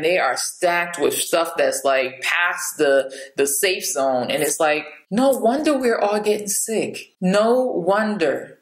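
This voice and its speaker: A woman's voice: deep voice, echoey room, low-quality recording. A woman in her late thirties chatting frankly to camera as a beauty vlogger, laughing now and then. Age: 30s. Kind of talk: casual chat to camera.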